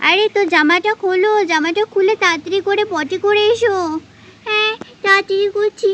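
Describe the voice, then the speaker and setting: A woman voicing a bustling village mother doll who scolds and dotes on her children, talking fast and nagging. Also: very high voice, steady tone, a bit bright, slight background noise. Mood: fussing. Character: fussy village mother, scolding yet doting. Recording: dull lo-fi sound.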